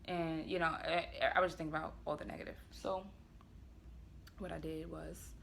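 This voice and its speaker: A woman vlogger telling a personal story to the camera in an earnest, confessional way, often going quiet, with blunt words now and then. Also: low voice, flat delivery, moderate pace, creaky, slight background noise. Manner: blunt, with occasional swearing.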